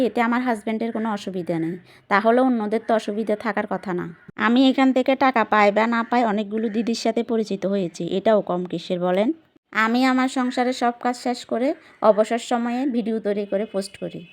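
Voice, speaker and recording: A woman's voice: a little high, dry recording. A young adult woman, narrating a vlog voice-over in a chatty vlogger manner that addresses viewers directly. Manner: chatty vlogger, sharing family moments and asking viewers questions.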